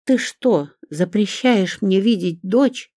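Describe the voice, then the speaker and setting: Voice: slow, mellow, no room sound, clean studio sound. A reader voicing a self-pitying young mother who whines, shrieks and plays at tears. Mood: defensive. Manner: shrill, whiny, melodramatic.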